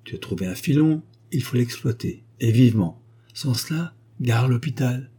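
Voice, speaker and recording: A man voicing a cynical, scheming male journalist in an audiobook, talking in a brisk, mocking, commanding way. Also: mid-range voice, expressive, dark tone, husky, pitched above the performer's own voice. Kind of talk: audiobook character voice.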